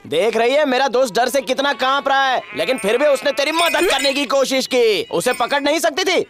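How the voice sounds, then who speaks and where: Cocky village joker. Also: male voice, very high-pitched, animated, moderate pace. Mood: boastful. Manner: boastful, teasing. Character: cocky young village man, boastful joker. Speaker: hero's village friend. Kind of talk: Hindi film dub. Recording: dubbed dialogue over loud film music.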